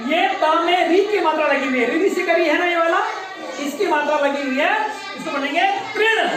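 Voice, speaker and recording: A woman teaching young children, patiently repeating words and quizzing them. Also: extremely high pitch. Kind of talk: classroom lesson. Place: large echoey classroom. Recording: echoey classroom from far off.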